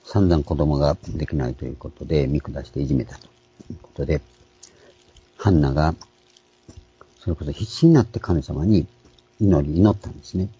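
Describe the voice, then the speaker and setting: A man, a pastor, giving a calm, explanatory sermon with frequent pauses and fillers. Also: rumbling low, breathy edge, muffled recording. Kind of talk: sermon on scripture names.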